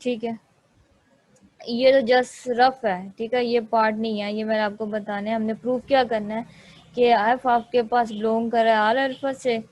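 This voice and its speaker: Female math lecturer, measured and monotone, works through proofs aloud. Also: on the high side, rough recording. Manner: slow, methodical, thinks aloud while writing.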